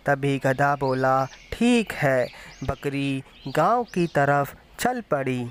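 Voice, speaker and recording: Slow, measured male storyteller. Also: medium pitch, lively intonation, a little hiss or hum. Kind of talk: children's story narration.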